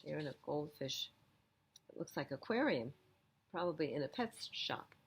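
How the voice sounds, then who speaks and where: Against a noisy background, a low-voiced, animated woman reads a picture book at a moderate pace for a library storytime. She points out what's in the pictures and adds kindly asides to the children.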